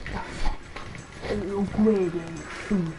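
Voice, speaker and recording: A woman's voice: on the low side, fairly even intonation, slow pace, noisy background. A woman with an Irish accent giving sweary, teasing let's play commentary. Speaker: gamer. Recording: roomy echo with loud game music.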